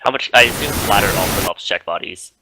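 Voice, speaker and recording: A man playing a tabletop role-playing game, speaking in a quick, matter-of-fact way. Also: fairly low pitch, a crowd in the background, low-quality recording. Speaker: player. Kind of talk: casual tabletop role-play chat.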